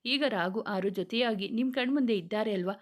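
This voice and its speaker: A woman's voice: mid-range voice, moderate pace, natural voice. Give me a woman playing a cheerful, wry young man in a read-aloud story. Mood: upbeat. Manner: sarcastic, upbeat.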